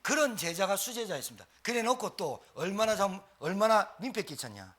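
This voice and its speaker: Animated, high-voiced man preaching. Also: fairly quick. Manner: animated, emphatic repetition, colloquial storytelling. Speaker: pastor. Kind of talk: sermon at a Friday prayer meeting.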